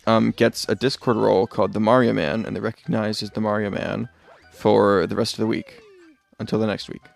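Low gravelly streamer, rambling chat. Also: male voice, little pitch movement, fairly quick, faint music behind. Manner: rambling, self-correcting, muttering asides. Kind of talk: casual live gameplay chat.

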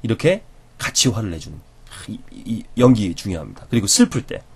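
A male professor teaching a lecture in a slightly husky voice that swings up and down in pitch all the time. He is animated and acts out everyday reactions as he explains them. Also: fairly quick. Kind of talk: lecture on conversation skills.

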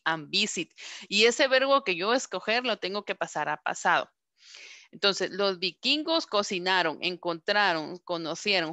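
A woman teacher leads an online class. She patiently repeats each English verb slowly for pronunciation practice. Her voice is bright and clear, recorded dry and close. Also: mid-range voice, dry recording.

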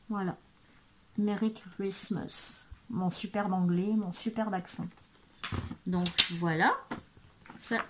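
A woman presenting craft supplies in a casual video, hesitant and full of fillers, murmuring softly while she handles things. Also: medium pitch, noisy background. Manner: hesitant, many fillers and restarts. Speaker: craft vlogger. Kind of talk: casual product show-and-tell.

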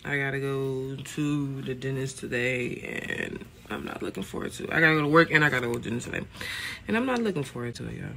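Bright-voiced chatty young man vlogging. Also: mid-range voice, quick pace, gravelly. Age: late 20s. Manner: chatty, animated, addresses viewers as y'all. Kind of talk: casual vlog chat to viewers.

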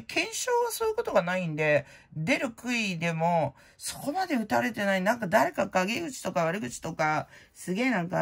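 A middle-aged woman rambles through a casual chat, blunt and slangy, with plenty of filler words. Her low voice has a gravelly edge and swings widely up and down. She speaks loudly and plainly, as a host talking straight to her viewers. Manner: loud-voiced by her own account. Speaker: prize-winning vlogger host.

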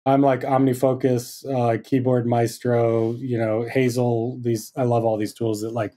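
Mellow-voiced man, rambling casual talk. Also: medium pitch, a little slow. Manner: relaxed, rambling with fillers and restarts. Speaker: guest, hardware designer. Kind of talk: casual interview chat.

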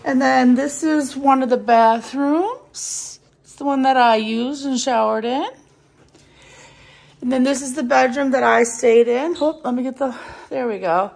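A woman's voice: high-pitched, unhurried, gravelly, darkish tone. A middle-aged woman giving a chatty, upbeat vlog tour and talking straight to her viewers. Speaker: vlogger. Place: apartment indoors, later a car. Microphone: phone at arm's length.

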